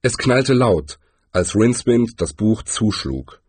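A man reading a story aloud as an audiobook narrator, telling it in a measured way. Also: on the low side, animated, a little mellow, slightly rough, no echo. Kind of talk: scripted narration.

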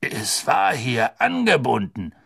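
A man voicing an angry, gruff male executioner in an audiobook. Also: medium pitch, wildly swooping pitch, takes it slowly, fairly bright tone, dry recording, studio quality, full character voice. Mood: furious.

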